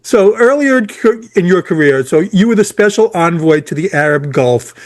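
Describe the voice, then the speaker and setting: A man's voice: high voice, lively intonation, moderate pace. A man hosting a podcast interview, friendly and laughing often, with frequent stumbles and restarts. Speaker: podcast host. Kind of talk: casual interview.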